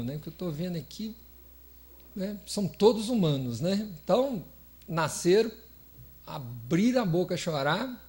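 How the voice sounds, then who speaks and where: A man's voice: high-pitched, a little mellow. A man from Brazil giving a chatty, playful spiritist lecture, laughing often and putting questions to his audience. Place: lecture hall of a spiritist center.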